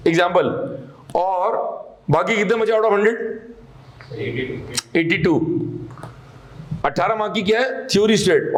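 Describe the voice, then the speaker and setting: Guy teaching a class, pretty high voice, scolds a lot, throws in english words. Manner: scolding, emphatic, mixes English terms. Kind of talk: classroom lecture.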